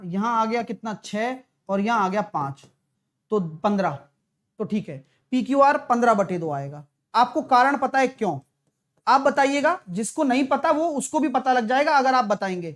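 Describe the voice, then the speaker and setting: A male math teacher talking a live online exam-prep class through problems, brisk and coaxing, calling viewers brother and dear. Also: very high-pitched. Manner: brisk, coaxing, chatty, mixes English terms, calls viewers brother and dear.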